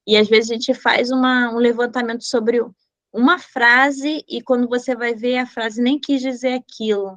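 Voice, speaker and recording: A woman's voice: a little high, moderate pace, dry recording. A woman in a casual book club chat, retelling conversations and acting out the people she quotes. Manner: storytelling, quoting others with animated voices. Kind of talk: casual group discussion.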